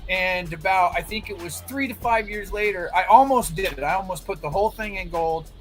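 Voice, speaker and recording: A man's voice: high-pitched, brisk, a bit bright. A man chatting casually as a guest on a live stream call, telling personal anecdotes. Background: faint music.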